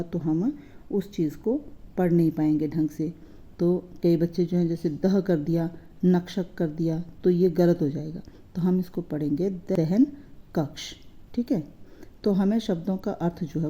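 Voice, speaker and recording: A woman's voice: fairly low pitch, warm tone. A woman teaching a lesson, explaining word meanings patiently and asking and answering her own questions. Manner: patient, repeats words slowly, asks and answers own questions. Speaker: Hindi teacher.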